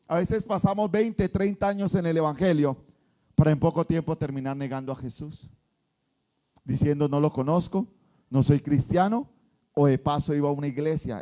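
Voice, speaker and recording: A male pastor, preaching an animated sermon and acting out the voices of churchgoers. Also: a little high.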